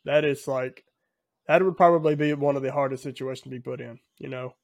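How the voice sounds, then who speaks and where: A man co-hosting a casual podcast chat, speaking haltingly with many fillers. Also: mid-range voice, fairly even intonation, creaky, a little mellow, no echo. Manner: halting, leans on fillers like "you know". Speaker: podcast co-host.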